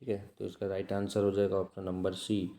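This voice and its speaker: A man teaching as an exam-prep tutor, reading out test questions, then repeating each answer in a measured way. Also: low-pitched, level tone, dark tone, roomy sound. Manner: measured, repeats answers with frequent "ठीक है" checks.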